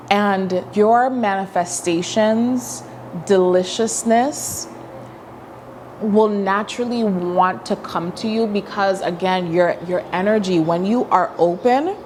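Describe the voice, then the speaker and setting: A young woman coaching in a breezy, casual way, now and then acting out quoted voices in a higher pitch. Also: darkish tone, slight background noise. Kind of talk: casual teaching monologue.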